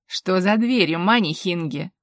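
A woman's voice: on the low side, animated, measured pace, dry recording, clean studio sound. A woman voicing a brash, bullying male inspector who barks accusations in an audiobook. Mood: barking. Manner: barking, accusing.

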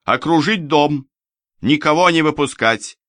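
A man voicing a commanding, impatient young woman agent who barks brisk orders. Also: medium pitch, animated, bright, forceful tone, dry recording.

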